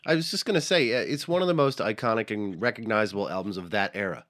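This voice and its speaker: Man with a head cold, low breathy voice. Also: fast, fairly bright tone. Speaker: podcast host. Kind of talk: casual podcast chat.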